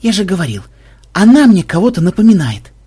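A man voicing a young male programmer who talks eagerly and turns to sugary flattery. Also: high voice, a little fast, slightly rough, voice pushed up, full character voice. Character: young male programmer, scheming and smooth-talking.

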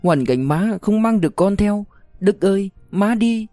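A man's voice: high voice, expressive, measured pace, dark tone, no room sound, studio quality, soft background music, pitched above the performer's own voice. A man voicing a young mother who pleads tearfully as she leaves her sick child. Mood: tearful pleading.

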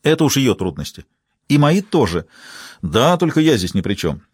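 A man voicing a grumpy sixty-one-year-old father who speaks gruffly and defensively. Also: medium pitch, sing-song, moderate pace, no echo, studio quality. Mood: self-pitying.

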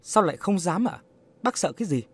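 A man voicing a polite, gently probing young woman. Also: high voice, expressive, brisk, breathy edge, pitched above the performer's own voice.

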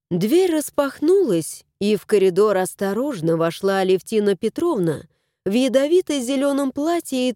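A woman reads a storybook aloud at a slow, expressive pace. Her voice is mellow and low in tone, yet lively in pitch. The recording is dry and close. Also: no room sound. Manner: unhurried, expressive reading. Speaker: narrator. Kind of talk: storybook reading.

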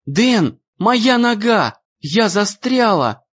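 A man's voice: a little high, sing-song, slow, slightly rough, highs cut off, heavily acted. A man voicing a frightened teenage girl who pleads in strained cries in an audiobook. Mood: pleading, scared. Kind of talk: audiobook character voice.

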